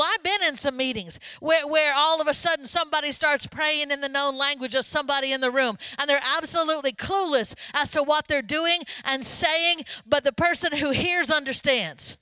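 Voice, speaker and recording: Bright, high-voiced woman preaching. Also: no room sound. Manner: lively, conversational preaching with asides to the congregation. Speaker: pastor. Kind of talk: sermon.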